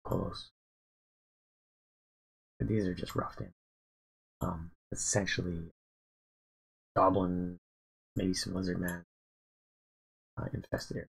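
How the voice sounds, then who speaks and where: Very gravelly, husky-voiced man thinking aloud. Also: low voice, flat delivery, low-quality recording. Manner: rambling, halting, many fillers and restarts. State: sleepy. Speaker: dungeon master planning a campaign. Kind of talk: casual livestream, thinking aloud.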